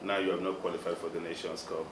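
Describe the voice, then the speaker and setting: Male sports journalist with a low voice, measured questions, roomy and noisy recording. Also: level tone. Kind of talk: interview questions. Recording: roomy with noticeable background noise.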